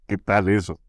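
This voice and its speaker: A man's voice: fairly low pitch, dry recording. Male co-host, easygoing chat delivery, close and dry sound. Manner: relaxed, playful, addresses viewers directly. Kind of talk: casual chat, reading from a book.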